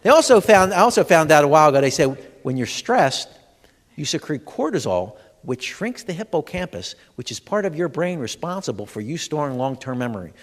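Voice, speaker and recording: A man's voice: on the high side, brisk. A man doing stand-up comedy for a live audience, telling stories and acting out the dialogue. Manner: animated storyteller, acts out dialogue, addresses audience. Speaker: comedian and humor educator. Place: large expo hall before a live audience. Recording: long hall reverb.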